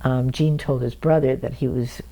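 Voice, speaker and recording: A woman's voice: extremely low pitch, normal speed, low-quality recording. An older woman from Cleveland, telling family stories in an oral history interview and chuckling often. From Cleveland, Ohio, USA. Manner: lively anecdotal storyteller, chuckling often. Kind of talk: storytelling in an interview.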